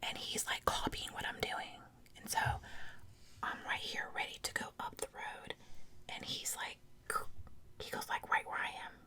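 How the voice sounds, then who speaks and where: A woman speaks in a breathy, crisp-edged whisper right up at the listener's ear. She tells stories in an informal, chatty ASMR manner, with lots of conversational asides. The whisper is bright and stays intimate and close on the microphone. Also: normal speed. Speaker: ASMR creator telling personal stories. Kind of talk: whispered ASMR storytelling, casual.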